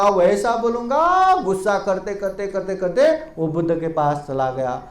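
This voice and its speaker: A male Buddhist monk gives a storytelling sermon live in a temple hall. His voice sits high and he takes his time, repeating phrases as he goes. The hall gives a roomy echo. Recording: echoey hall room.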